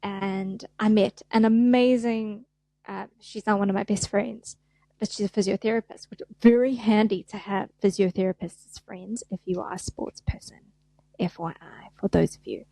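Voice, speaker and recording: Guesting on a casual podcast, this middle-aged fascia therapist with a South African accent is chatty and self-deprecating, slipping into little voices. She speaks at normal speed with a medium-pitched, steady, gravelly, mellow voice on a low-quality recording without echo.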